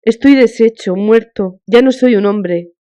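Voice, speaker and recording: A woman reading an audiobook, voicing a grieving, humiliated middle-aged official in a weary, halting, thin voice, on a dull lo-fi recording. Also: fairly high pitch, dark tone, lightly acted. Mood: despairing. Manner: weary, broken, halting complaint.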